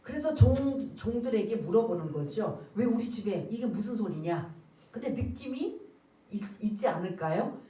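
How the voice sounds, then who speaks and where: A woman pastor preaches with a fairly high voice that climbs and drops all over the place. She keeps putting questions to the congregation and waiting for their answers. The sound is roomy, and she is heard from some distance off in the church. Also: warm tone. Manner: acts out the characters' words in quotes. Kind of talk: sermon. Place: church sanctuary.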